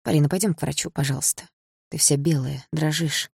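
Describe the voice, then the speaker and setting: A woman reading an audiobook, voicing a worried young man who speaks softly and carefully. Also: sits low, fairly even intonation, brisk, creaky, slightly rough, no echo, clean studio sound, full character voice. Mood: gentle. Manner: soft, careful, coaxing.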